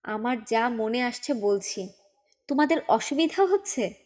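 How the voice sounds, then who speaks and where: A woman's voice: fairly high pitch, expressive, measured pace, darkish tone. A woman voicing a grieving, irritable mother who snaps curtly at everyone in an audiobook. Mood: bitter, curt. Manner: curt and bitter. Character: grieving, irritable young mother, sharp-tongued.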